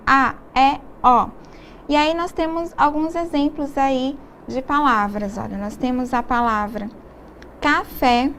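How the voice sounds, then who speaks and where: A woman's voice: sits high, a bit bright, a little hiss or hum. A woman with a Brazilian Portuguese accent teaching a recorded distance-learning lesson, explaining patiently step by step and often checking in with her students.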